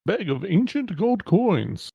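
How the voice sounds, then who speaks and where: A man's voice: high voice, big pitch swings, slow, vocal fry, husky, dry recording, lo-fi sound. A man chatting casually and jokingly as a player in a tabletop game. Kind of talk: casual chat.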